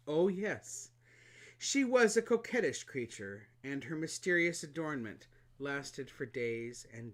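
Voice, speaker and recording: Man reading a storybook expressively. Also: medium pitch. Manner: expressive, animated reading with playful asides. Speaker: reader.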